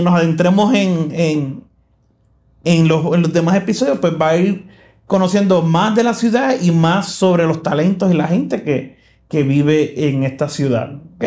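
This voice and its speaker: In a casual podcast chat, a South Texas man with a fairly high voice rambles along, full of fillers and restarts. He's relaxed and quick to laugh, and the recording comes from a church live room.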